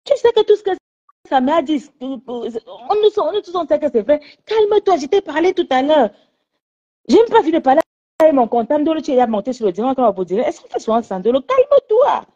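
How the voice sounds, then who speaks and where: Scolding on lo-fi call. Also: female voice, high-pitched, expressive, brisk, warm tone. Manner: insistent, repeatedly soothing and scolding. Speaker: friend calling in on a live stream. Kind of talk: pleading phone call into a live stream. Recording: dull lo-fi phone audio.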